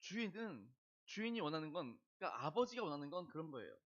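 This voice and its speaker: A man's voice: fairly high pitch, sing-song, fast, highs cut off. A middle-aged man preaching a sermon in a church, telling stories, acting out the voices in them and asking the congregation questions. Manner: storytelling, acting out voices in quoted dialogue. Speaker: pastor. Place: church sanctuary.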